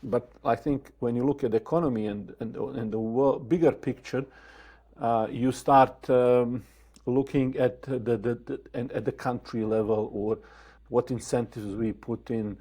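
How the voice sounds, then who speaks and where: Mellow-voiced man, halting and thoughtful. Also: mid-range voice, steady tone, breathy edge. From Bosnia. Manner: thoughtful, halting, with many fillers and restarts. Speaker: guest. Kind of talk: interview answers.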